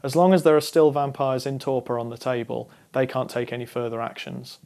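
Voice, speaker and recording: A young man in his twenties talks straight to camera in a scripted explainer, walking through card game strategy. His delivery is measured and instructive. His voice sits at an ordinary mid pitch. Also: little pitch movement, vocal fry, dark tone. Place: studio against a dark backdrop.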